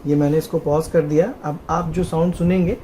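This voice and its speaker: A man talks through a gadget demo in a relaxed, halting way, often stalling on "uh" while he finds his words. His voice sits a little high for a man, and a faint hiss of background noise stays under it. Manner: hesitant, with frequent "uh" fillers, addresses viewers as friends. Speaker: tech tutorial host. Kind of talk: casual how-to demonstration.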